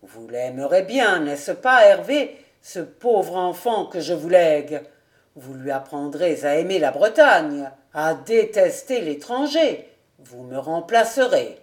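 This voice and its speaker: A woman's voice: low voice, lively intonation, a little mellow, voice pushed down. A woman doing a grave, solemn old nobleman. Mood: fervent. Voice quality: slow, sad, solemn delivery.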